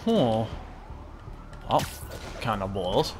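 A young man giving let's-play commentary, excitable, with loud yelps and exclamations. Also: fairly low pitch, extremely slow, noisy background. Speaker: gaming channel host.

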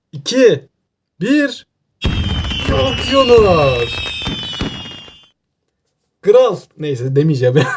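Talking to himself as he plays, an excitable gaming YouTuber offers jokey, laid-back commentary. His voice leans high and carries an Aegean Turkish accent.

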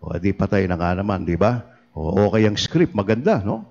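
Chatty priest in an echoing church. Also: male voice, fairly low pitch, moderate pace. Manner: lively, chatty, often laughing. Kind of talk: humorous sermon storytelling. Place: church during livestreamed mass. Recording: dull reverberant church livestream.

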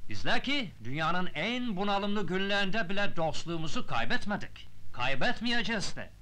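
An actor playing a middle-aged consul general, giving a pompous, formal ceremonial speech. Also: male voice, sits high, very animated, moderate pace, pushed and bright, heavily acted. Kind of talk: ceremonial diplomatic speech in film drama.

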